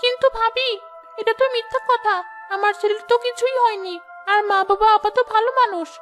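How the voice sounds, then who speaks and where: A woman doing a timid young village woman, very high. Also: steady tone, brisk, fairly bright tone. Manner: hesitant, pleading. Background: background music.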